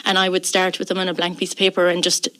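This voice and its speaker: West of ireland woman, radio guest, bit low pitched, dry studio sound, chatty and emphatic. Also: monotone, fast, bright, forceful tone, no room sound. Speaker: radio interview guest, recruitment consultant. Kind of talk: informal radio interview.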